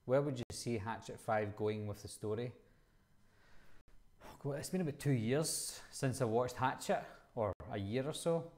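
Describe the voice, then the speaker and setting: A man's voice: medium pitch, a little slow, darkish tone. A man in his thirties with a Glaswegian Scottish accent, casually hosting a live chat, reading out questions and answering them conversationally. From Scotland. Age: 30s. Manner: conversational, reads questions aloud then answers. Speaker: livestream host.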